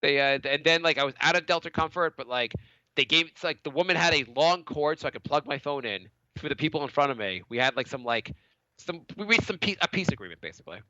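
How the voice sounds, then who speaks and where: A man co-hosting a podcast, a little congested from a cold, narrates a story casually and throws himself into others' lines with an animated, raised voice. He's a fast talker with a fairly high pitch, heard in dull audio without echo.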